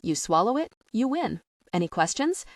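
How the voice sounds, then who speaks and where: A woman voicing a playful, teasing young man who loves a dare, in a quick, teasing voice. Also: on the high side, very animated, dry recording, studio quality, far from the mic, pitched above the performer's own voice.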